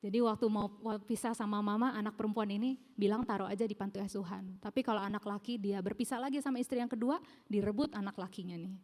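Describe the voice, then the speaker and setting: A middle-aged woman preaching a sermon, telling her own story in an animated way and acting out the voices of people she quotes. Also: medium pitch, fast talker. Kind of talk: sermon with personal testimony. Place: large church hall. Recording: long church hall reverb.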